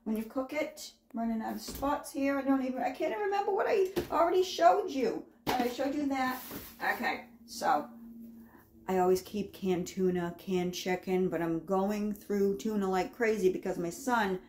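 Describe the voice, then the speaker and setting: In her home kitchen, a woman in her fifties shows off a grocery haul to camera, chatting casually, rambling a bit and repeating herself. Her medium-pitched voice is animated and somewhat dark in tone at a normal pace, with slight background noise indoors.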